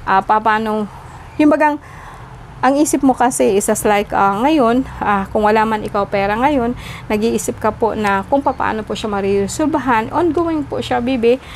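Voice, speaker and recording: A woman's voice: on the high side, a little hiss or hum. A woman giving a tarot reading straight to the viewer, courteous and chatty, mixing English phrases into her talk and ending almost every sentence with a questioning "no?". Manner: polite, tags nearly every sentence with a questioning "no?". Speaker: tarot reader.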